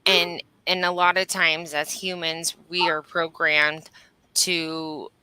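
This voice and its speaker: A woman who reads human design and works as a coach talks earnestly on a live-streamed video call, explaining things conversationally and often checking in with the listener. Her voice is fairly low with little pitch movement, she speaks slowly, and there is noise in the background.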